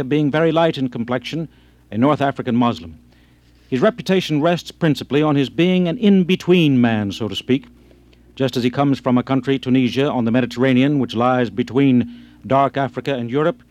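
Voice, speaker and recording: A man with an average-pitched voice presents scripted radio news as the anchor. He explains things in an orderly way and links the reports together. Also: darkish tone, no echo.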